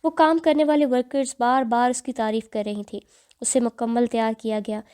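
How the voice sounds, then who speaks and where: A woman's voice: on the high side, steady tone, a little mellow, smooth. A woman narrating a novel aloud in an earnest storytelling manner. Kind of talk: dramatic audiobook narration.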